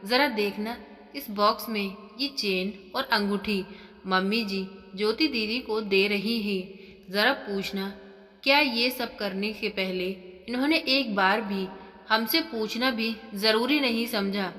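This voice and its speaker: A woman's voice: mid-range voice, takes it slowly, sharp tone, long reverb tail. A woman voicing a suspicious young daughter-in-law who speaks in a sarcastic, accusing way, in a storybook reading.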